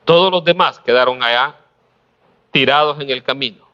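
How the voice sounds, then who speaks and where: A man preaching a sermon, pausing often and asking rhetorical questions with a light laugh now and then. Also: mid-range voice, sharp tone, clean tone, muffled recording. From Honduras.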